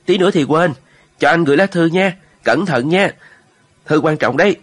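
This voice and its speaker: A man's voice: fairly high pitch, normal speed, dry recording, pitched above the performer's own voice, close to an everyday voice. A man voicing a plump, jovial male army political officer who talks in a breathless, bossy, joking way. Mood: hurried.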